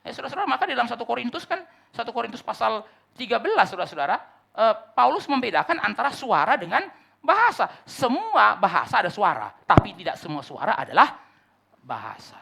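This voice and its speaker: Male pastor, sermon voice, gravelly and bright, very animated, loud-to-hushed swings. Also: very high-pitched, fast. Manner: addresses the congregation with rhetorical questions. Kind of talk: church sermon. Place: church service.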